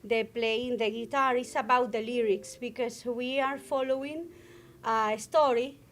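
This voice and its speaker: High, slow-speaking woman with a Spanish-native lilt. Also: fairly even intonation, fairly bright tone, slight background noise. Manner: hesitant, searching for English words, many fillers. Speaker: flamenco dancer guest. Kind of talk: interview conversation.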